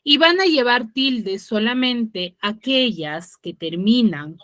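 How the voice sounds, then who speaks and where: A woman teaches an online class over a video call, her voice pitched a little high and strikingly bright. She checks understanding with frequent tag questions and corrects herself mid-sentence, and the sound is close and dry. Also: expressive, slow pace, no room sound.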